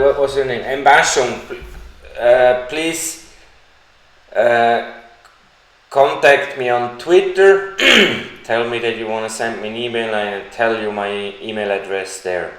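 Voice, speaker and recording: In an echoey room, a non-native English-speaking man answers viewer questions on a live stream Q&A he hosts. His voice is medium-pitched and a bit bright, and he speaks in a slow, deliberate, halting manner.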